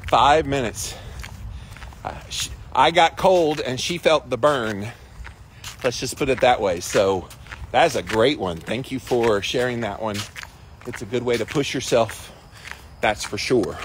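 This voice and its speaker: A man's voice: mid-range voice, unhurried. Encouraging man livestreaming over outdoor noise. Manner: encouraging, praising viewers. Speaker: livestream host of a daily ice bath challenge. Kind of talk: casual livestream chat, reading and answering viewer comments.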